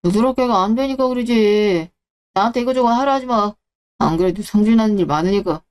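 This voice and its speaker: A woman's voice: medium pitch, fairly quick, a little mellow, clean tone, natural voice. A woman voicing a callous, selfish middle-aged husband who talks scornfully and dismissively. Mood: contemptuous. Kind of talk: Korean audio drama reading.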